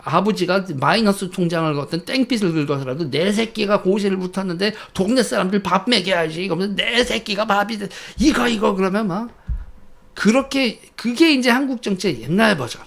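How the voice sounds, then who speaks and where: A man from Korea's Chungcheong region giving casual political commentary, storytelling and acting out quoted villagers, chuckling often between points. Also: high-pitched.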